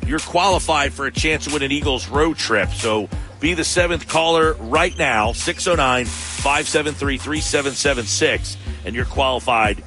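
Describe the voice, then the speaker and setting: A man's voice: mid-range voice, normal speed, pushed and bright. Guy hosting sports radio, reading out a call-in contest promo over music. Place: live remote broadcast at a casino sports book.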